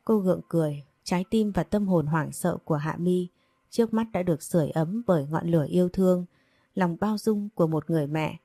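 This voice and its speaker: A woman giving scripted narration of a romance story in an even storytelling manner. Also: fairly low pitch, a little fast, no echo.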